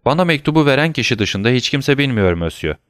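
A man's voice: mid-range voice, sing-song, fairly quick, a bit bright, no room sound, clean studio sound, voice pushed up. A man voicing an earnest, anxious young male sailor being questioned, speaking in a pleading, eager-to-please way.

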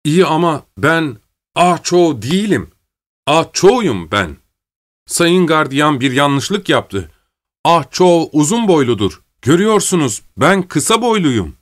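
A frightened little laborer pleads in a raised, careful voice, put on by a male narrator. Each word is slow and earnest. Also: fairly high pitch, very animated, pitched above the performer's own voice. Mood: pleading. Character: small, frightened Chinese laborer, adult man.

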